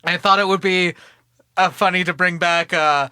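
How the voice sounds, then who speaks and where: Male podcast co-host with a high, bright, dry voice; rambling comic pitch full of laughs and restarts. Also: steady tone, normal speed, clean tone, no room sound. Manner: rambling, laughs often, self-correcting. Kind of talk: casual comedic movie pitch.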